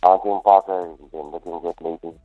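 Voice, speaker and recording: Deep-voiced man, muffled as through a wall. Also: little pitch movement, fast talker, music in the background. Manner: laid-back, slangy, hesitant with fillers. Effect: muffled, as if heard through a wall. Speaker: caller. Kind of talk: casual call-in chat about boxing picks. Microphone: phone. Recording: muffled lo-fi phone line.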